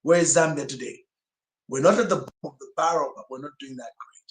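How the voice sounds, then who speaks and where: Fast and a little high, a male pastor's voice rings through a roomy echo. His first language is Swahili, and he gives an emphatic, sermon-style teaching talk full of rhetorical questions.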